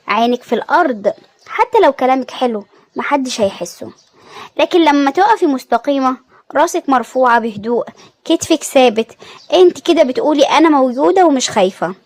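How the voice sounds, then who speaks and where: A woman with an Egyptian Arabic accent giving scripted self-help narration in calm, measured short phrases. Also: high-pitched, no echo.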